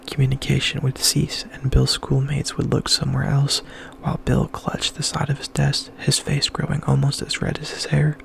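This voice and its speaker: A man reading a novel aloud as ASMR in a breathy, intimate whisper, very close, as if right in the listener's ear. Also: mid-range voice, completely flat delivery, moderate pace, hardly any pauses, slight background noise.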